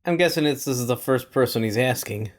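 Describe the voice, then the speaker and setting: Man, casual reaction commentary, chatty, hesitant ums, amused, mid-pitched voice. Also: fast. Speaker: reaction video host.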